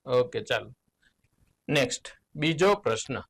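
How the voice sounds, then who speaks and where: Gujarati guy teaching english vocab, slow, spells words out letter by letter, pitch jumps on key words. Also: expressive, gravelly, fairly bright tone, slight background noise, rough recording. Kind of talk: exam solution lesson.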